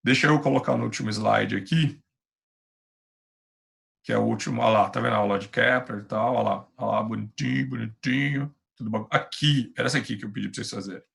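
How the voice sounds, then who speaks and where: Brazilian guy teaching physics online, gravelly voice, patient and chatty, lots of "tá?". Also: medium pitch, quick pace, a bit bright. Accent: Brazilian Portuguese. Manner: patient, reassuring, chatty with filler tags. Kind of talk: online class lecture.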